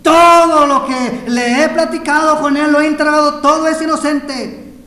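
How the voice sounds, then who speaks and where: A man's voice: very high voice, steady tone, normal speed, bright, forceful tone, pitched above the performer's own voice. Male preacher as Pilate: raised, protesting, Mexican accent, big echoing hall. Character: Pilate, hesitant grown man, Roman governor. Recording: echoey hall with long reverb.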